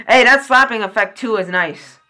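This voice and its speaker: A woman hosting a casual reaction video, excitable and slangy with plenty of swearing. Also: medium pitch. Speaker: reaction channel host.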